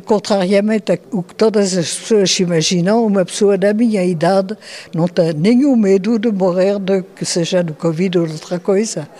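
Elderly woman, nineties, mellow voice, reflective. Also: medium pitch. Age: 90s. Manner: slow, thoughtful, with hesitations and restarts. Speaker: interviewee. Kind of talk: reflective interview answers.

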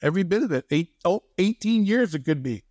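A man's voice: sits high, lively intonation, fairly quick, a little mellow, no echo, studio quality. A man co-hosting a wrestling podcast in casual chat, rambling and telling folksy stories. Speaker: podcast co-host, former wrestling trainer.

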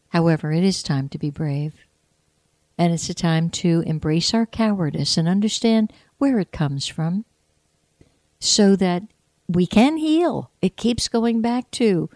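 A woman hosting a spiritual, inspirational talk, speaking in an earnest, heartfelt and measured way. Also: on the low side, dark tone, no room sound. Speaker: host.

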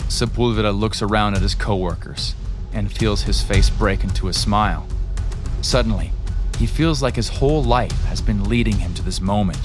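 Low-voiced man narrating a tense story. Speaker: podcast narrator. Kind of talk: scripted dramatic narration.

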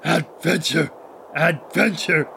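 A man voicing a big, hairy, simple-minded Bigfoot sidekick in a children's audio adventure, growling out slow broken words. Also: fairly high pitch, bright, forceful tone, a little hiss or hum, heavily acted. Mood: excited. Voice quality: gravelly, growly.

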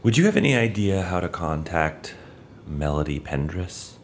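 A man speaking with formal, measured wording. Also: low-pitched, expressive, slight background noise.

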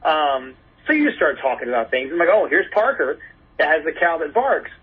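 An American baseball radio play-by-play announcer, guesting on a podcast, chats casually and shares anecdotes over a remote call. His voice is a little high, very animated, and breathy-edged at normal speed, with narrow, telephone-like sound.

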